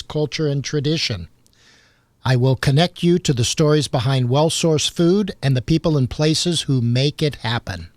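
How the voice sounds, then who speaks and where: A man's voice: a little high, darkish tone, no echo, clean studio sound. A man hosting a food show, opening with an intro and then asking his guest rambling questions. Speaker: host.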